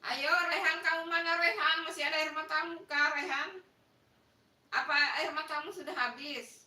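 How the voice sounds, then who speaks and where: A woman's voice: high-pitched, fairly even intonation, normal speed, sharp tone. A woman hosting a casual live stream, teasing viewers with mock sympathy and coaxing them to like, with a Makassar Indonesian lilt. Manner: playful, coaxing viewers to like and subscribe. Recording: echoey room, voice a bit far from the mic.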